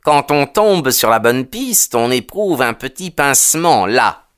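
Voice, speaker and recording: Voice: mid-range voice, very animated, a little slow, fairly bright tone, clean tone. A reader playing a smug police detective. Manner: conversational, pleased with himself, hesitant fillers. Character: male police detective recounting an inquiry, self-satisfied.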